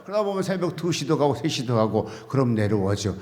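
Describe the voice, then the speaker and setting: An older man, a pastor, preaching an animated storytelling sermon in a church, swinging between shouts and low asides. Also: fairly quick. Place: church sanctuary. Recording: church hall with long reverb.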